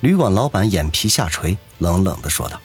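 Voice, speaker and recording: A man narrating a serialized novel with expressive storytelling. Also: low-pitched, a little fast, husky, faint music behind. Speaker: audiobook narrator.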